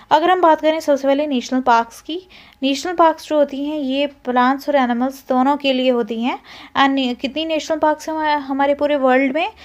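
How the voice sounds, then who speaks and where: A high-pitched woman walks students through an exam-prep lecture. She switches between Hindi and English, pauses on fillers and corrects herself, and repeats key terms to drive them home. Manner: repeats terms while explaining. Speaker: teacher.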